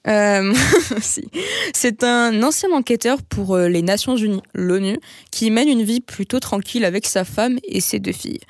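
A woman's voice: medium pitch, a little mellow, dry recording, studio quality. A young woman chatting casually about a film, with fillers and self-mocking asides. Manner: chatty, filler-laden, laughs at herself. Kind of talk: casual film review chat.

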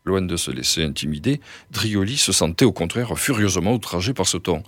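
A man's voice: low voice, lively intonation, brisk, fairly bright tone, no echo, studio quality. A man reading a story aloud expressively, with an occasional hesitation. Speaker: reader.

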